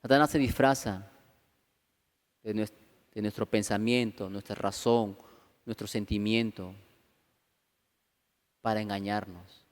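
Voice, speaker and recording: Pastor preaching in an echoey church. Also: male voice, on the low side, steady tone, unhurried, pauses often. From Peru. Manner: keeps asking the congregation rhetorical questions; acts out quoted voices of churchgoers. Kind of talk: conversational sermon. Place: church hall. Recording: reverberant church hall.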